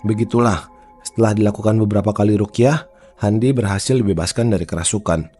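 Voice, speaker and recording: A man narrates a scripted horror story like a horror host, in a measured and formal manner. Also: on the low side, warm tone, husky. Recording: faint music under the voice. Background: faint background music.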